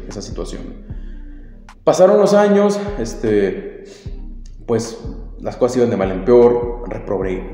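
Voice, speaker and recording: A man's voice: fairly low pitch, dark tone. A man with a Mexican accent telling a story on his podcast in a casual, slangy, laid-back way, swearing freely. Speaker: podcast host. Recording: very echoey room, long reverb, faint music.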